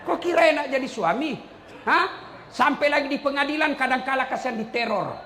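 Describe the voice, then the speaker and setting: A middle-aged man preaching a humorous sermon to a live audience, teasing and animated, jumping between loud punchlines and hushed asides. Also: very high-pitched, fairly quick, a little hiss or hum. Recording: roomy echoey hall with faint ambience.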